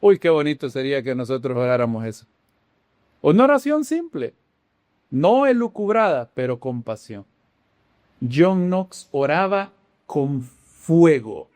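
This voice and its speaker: A man teaching in a sermon style, animated, often asking his audience questions and dropping into hushed dramatic lines. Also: a little high, unhurried, no room sound. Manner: animated, with sudden swings between loud exclamations and hushed dramatic lines. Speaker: Bible teacher.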